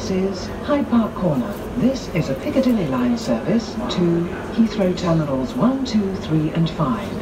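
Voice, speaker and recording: A woman's recorded train announcement played over the carriage loudspeaker, formal and measured. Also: big pitch swings. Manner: measured, evenly paced, formal delivery. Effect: recorded onboard train announcement over loudspeaker. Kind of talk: scripted public announcements. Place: inside a moving underground train carriage. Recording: distant loudspeaker over loud train rumble. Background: loud rattling train noise.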